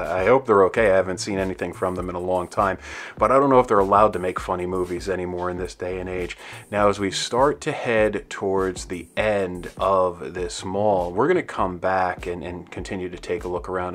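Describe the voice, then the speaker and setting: Low-voiced man narrating a walk outdoors. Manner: chatty, gives shout-outs, loose and rambling. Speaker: dead mall video host. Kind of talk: walking tour commentary. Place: outdoors in an empty parking lot of a closed strip mall. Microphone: handheld camera, filming as he walks.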